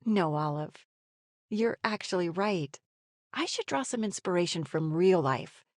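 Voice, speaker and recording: Wry game heroine, dry close recording. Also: female voice, on the low side, animated, a little slow, dry recording. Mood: playful. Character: wry, affectionate woman novelist, game heroine. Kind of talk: scripted game story dialogue.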